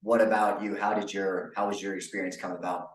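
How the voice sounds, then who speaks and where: A young adult man hosting a casual interview podcast, relaxed and full of fillers. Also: sits low, brisk, recorded from a distance. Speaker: podcast host. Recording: echoey room, off-mic.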